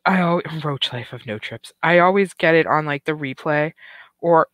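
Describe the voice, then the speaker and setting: A woman's voice: sits low, normal speed, a bit bright, dry recording. Rambling, profane middle-aged woman streamer. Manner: rambling and profane, with many "um" and "like" fillers. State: has the hiccups. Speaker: livestream commentary host. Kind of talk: casual livestream chat, reading viewer comments.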